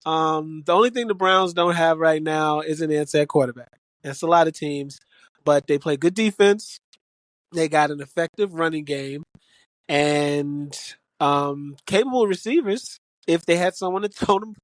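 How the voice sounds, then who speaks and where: A man's voice: a little high, unhurried, no echo. A man co-hosting a casual sports betting podcast, blunt and opinionated with a teasing edge. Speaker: podcast co-host.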